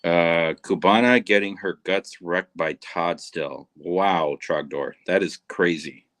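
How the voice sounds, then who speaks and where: A man's voice: deep voice, takes it slowly, a bit bright. A man dropping in as a guest on a livestream, bantering in a laid-back way. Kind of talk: casual livestream chat.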